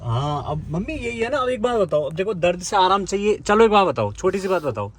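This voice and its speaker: A man's voice: high-pitched, very animated, brisk. A man vlogging in casual chat, talkative and coaxingly consoling his mother.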